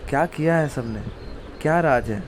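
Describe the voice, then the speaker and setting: A man voicing a puzzled young villager in an animated cartoon, asking curious questions. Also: mid-range voice, moderate pace, slight background noise, lightly acted.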